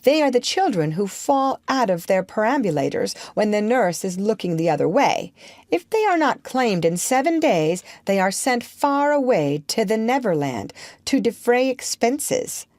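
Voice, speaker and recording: A woman voicing Peter Pan, a cocky, cheerful boy who never grows up, in a high, boyish, boastful tone for an audiobook. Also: big pitch swings, moderate pace, darkish tone, no room sound. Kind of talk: audiobook character reading.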